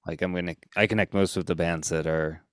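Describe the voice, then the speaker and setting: A man's voice: low-pitched, fairly even intonation, a little fast, clear, resonant tone, dry recording, studio quality. A man hosting a podcast, talking in a rambling casual way full of "like" and "you know". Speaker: podcast host. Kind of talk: casual interview chat.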